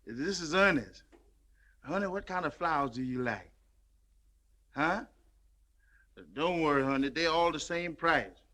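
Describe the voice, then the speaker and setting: An actor playing a genial, wheedling small-time hustler in 1930s comedy film style. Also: male voice, on the high side, measured pace, long pauses, sharp tone. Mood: cheerful, hurried. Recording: old film soundtrack with music.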